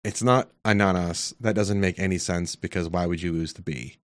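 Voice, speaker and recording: Low-voiced man thinking aloud. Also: steady tone, normal speed, no room sound, clean studio sound. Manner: thinks aloud, hesitant, many ums. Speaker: quiz contestant. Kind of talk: casual tech chat.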